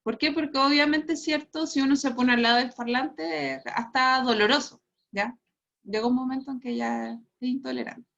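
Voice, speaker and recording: A woman's voice: high-pitched, fairly even intonation, normal speed, gravelly, a bit bright. A woman teaching an online physics lesson, explaining step by step and checking in with her students. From Chile. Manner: explanatory, tags phrases with "¿cierto?" and "¿ya?", laughs at own jokes. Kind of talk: online class lecture. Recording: muffled lo-fi class recording.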